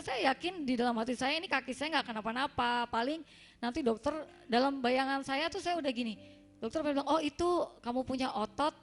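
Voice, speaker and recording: Chatty young woman telling a church testimony. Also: on the high side. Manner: chatty storytelling, acting out quoted dialogue. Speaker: church member giving a testimony. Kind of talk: personal testimony to a congregation.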